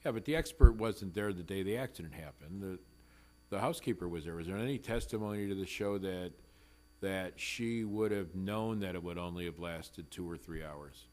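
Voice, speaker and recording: A man's voice: deep voice, normal speed, mellow. A man questioning from the bench as an appellate judge in a direct, probing way. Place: courtroom.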